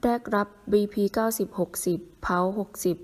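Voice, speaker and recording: A woman's voice: normal speed, darkish tone. A woman working as an emergency dispatcher, reading back coded messages over walkie-talkie in a formulaic, procedural way. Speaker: emergency dispatch centre radio operator.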